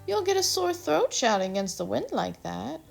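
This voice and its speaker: A woman's voice: sits high, very animated, normal speed, vocal fry, faint music behind, voice pushed up, heavily acted. A woman voicing a friendly hazelnut mother visiting her neighbor in a storybook. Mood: gracious.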